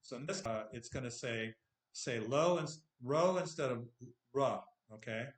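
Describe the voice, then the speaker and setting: A man's voice: mid-range voice, moderate pace, roomy sound. A man with a Californian American accent and a touch of Texan, teaching English in a patient tutorial, often checking in with "okay?". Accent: Californian American with a little Texan. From United States. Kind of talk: screen-share tutorial lesson.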